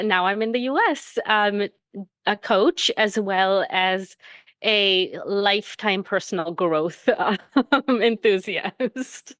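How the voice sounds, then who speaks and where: A woman's voice: mid-range voice, a bit bright, dry recording. Woman guest from Tanzania, dry sound. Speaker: guest, coach. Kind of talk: podcast interview.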